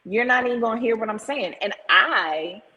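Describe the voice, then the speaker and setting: A woman's voice: fairly high pitch, expressive, moderate pace, bright, forceful tone, lo-fi sound, slight background noise. A woman on a talk show panel, stating her view emphatically and repeating her points firmly. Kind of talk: casual talk show discussion.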